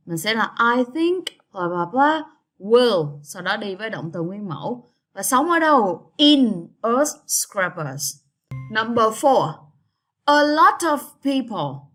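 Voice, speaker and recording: Woman teacher, slow and deliberate, drilling English words, mid pitch. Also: fairly bright tone. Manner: slow, drawn-out model words for repeating. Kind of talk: bilingual classroom lesson.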